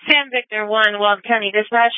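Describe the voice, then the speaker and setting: A woman's voice: mid-range voice, steady tone, normal speed, dry recording. A woman working as a dispatcher, giving terse, clipped calls over a two-way radio with static bursts. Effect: two-way radio transmission with static bursts. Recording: tinny radio transmission, dry.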